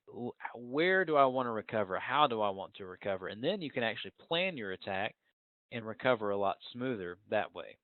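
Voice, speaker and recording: A man talking through a recorded lesson at a middle pitch, loose and conversational, with fillers and restarts. The sound is dry and squeezed thin, like a phone line. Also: no room sound. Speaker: trading instructor. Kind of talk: recorded class lecture.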